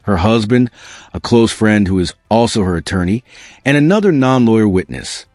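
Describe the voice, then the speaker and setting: Lively low-voiced male legal commentator. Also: normal speed, dry recording, studio quality, faint music behind. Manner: dramatic, punchy, addresses viewers directly. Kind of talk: scripted legal commentary narration.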